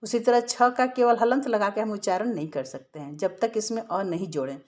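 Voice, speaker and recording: A woman's voice: medium pitch, a little fast, a little mellow. Patient woman teaching a grammar lesson. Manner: patient, explains step by step, often asks "है ना?".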